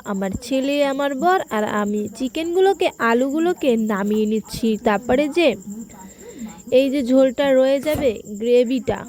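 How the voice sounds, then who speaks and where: A woman's voice: high-pitched, a little mellow, a little hiss or hum. Chatty Bengali woman cooking at home. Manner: chatty, talks to viewers as friends. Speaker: home cook vlogger. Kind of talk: casual cooking vlog chat.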